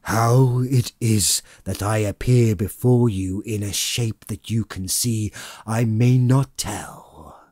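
A man voicing the anguished, remorseful ghost of a dead businessman in a slow, mournful lament for an audiobook. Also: fairly low pitch, darkish tone, dry recording, clean studio sound. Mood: sorrowful warning.

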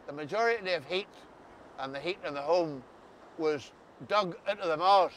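A mature man with an Ulster Scots accent puts questions in a relaxed chat. His voice sits a little high and he halts and repeats words. Light outdoor noise sits behind him. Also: moderate pace. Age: middle-aged or older. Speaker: interviewer. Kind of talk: casual interview chat. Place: outdoors on a grassy coastal path by the sea. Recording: faint outdoor ambient noise.

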